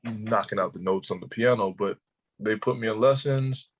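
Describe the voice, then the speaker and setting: A man with a fairly low voice chats as a podcast guest. He talks in a relaxed way and jokes now and then. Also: moderate pace, poor audio. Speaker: guest singer. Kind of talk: casual podcast chat.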